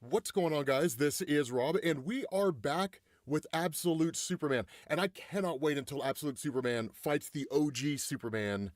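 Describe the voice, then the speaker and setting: A young man hosting a casual comic book commentary, animated and peppering his talk with "right?" and "like". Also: on the high side, normal speed, hardly any pauses. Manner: animated, uses "right?" and "like" a lot. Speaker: comic book video host.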